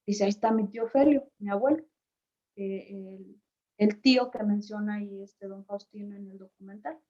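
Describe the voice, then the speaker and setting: A woman tells a personal story at a presentation, halting often on filler words and acting out the voices of people in her account. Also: mid-range voice, mellow. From Mexico. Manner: unhurried, halting, with frequent filler pauses and reported dialogue. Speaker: community speaker. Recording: slightly dull lo-fi recording.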